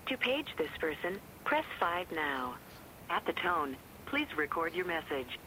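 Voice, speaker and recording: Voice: medium pitch, big pitch swings, bright, forceful tone, a little hiss or hum. Automated voicemail system prompt voice. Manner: measured, neutral, instructive. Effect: automated voicemail system prompt heard down a phone line. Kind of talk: recorded instructions.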